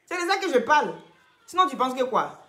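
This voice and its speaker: High-pitched, very animated, pushed and bright, the Cameroonian streamer talks a little fast in a reverberant room. In her Cameroonian French accent she mocks and scolds on social media live, repeating points and laughing.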